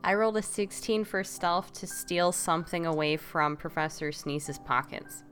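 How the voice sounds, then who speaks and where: A woman describes her character's sly moves in a tabletop game. Her voice is bright and tense. Faint music plays in the background. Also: lowish voice, moderate pace. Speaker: player. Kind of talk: tabletop role-play.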